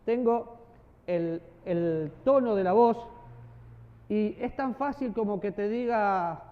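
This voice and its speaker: Animated man preaching in a hall. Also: high-pitched, slow pace. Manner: animated, acts out voices and gestures, jokes with the audience. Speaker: preacher and teacher. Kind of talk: church teaching talk. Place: church hall. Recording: dull audio with long hall reverb.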